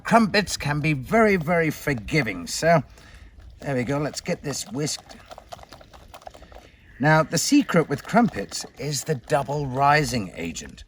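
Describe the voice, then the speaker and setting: A man hosting a cooking demonstration, talking in a showy way and swinging between loud announcements and hushed asides. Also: on the high side, sing-song, moderate pace, slight background noise. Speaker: cooking show host.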